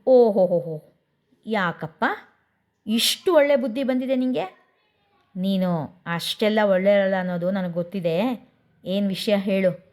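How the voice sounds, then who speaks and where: A woman's voice: mid-range voice, unhurried, pauses often, close to an everyday voice. A woman doing a pushy spoiled young girl. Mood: teasing. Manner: sharp, demanding, teasing.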